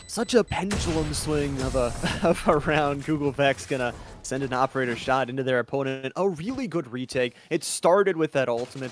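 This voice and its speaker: Higher-voiced male esports caster, noisy background. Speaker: esports analyst commentator. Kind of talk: esports caster analysis and commentary.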